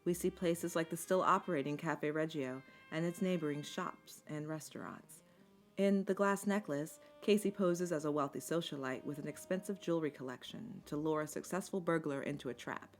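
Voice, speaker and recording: A woman with a deep-set voice narrates a scripted documentary essay. Her delivery is measured and articulate, in the manner of a storyteller. Instrumental music plays softly behind her. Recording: music bed under the voice.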